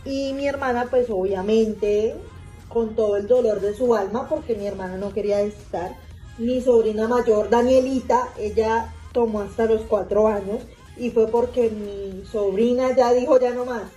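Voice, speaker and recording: A woman's voice: on the high side, steady tone, moderate pace, warm tone, muffled recording, soft background music. A woman telling a first-person story in an emotional, dramatic way, repeating and circling back on her words. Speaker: narrator of a fan story.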